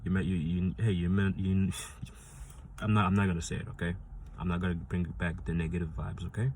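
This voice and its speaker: Low voiced guy rambling about his lineup, keeps repeating himself, faint hum behind. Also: flat delivery, brisk, a little mellow. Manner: rambling, frequent restarts and fillers; insistent, repeats points for emphasis. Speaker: football fan channel host. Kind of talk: casual fan prediction vlog.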